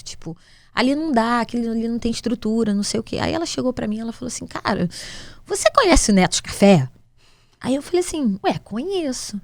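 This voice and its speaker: Here a guest from Brazil, a woman who runs a restaurant business, speaks in a fairly high voice with no room sound. Telling her personal story with emotion in an interview, she acts out conversations in a lively way and keeps restarting.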